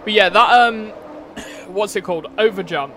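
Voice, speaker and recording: A young British man with a fairly high voice chats through a live stream of a racing game. He talks loosely and crudely, swears and laughs at his own jokes. Car engines from the game roar loudly behind him. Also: a little slow, slight background noise. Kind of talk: live-stream commentary while playing. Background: car engine sounds from the game.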